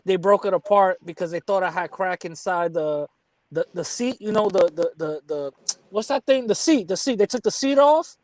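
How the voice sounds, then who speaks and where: A man with a New York accent tells his stories in a candid, streetwise way, often stumbling and restarting mid-sentence. His voice sits fairly high for a man. The sound is dry and close, with no room around it. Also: moderate pace, no echo, poor audio. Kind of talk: casual storytelling chat.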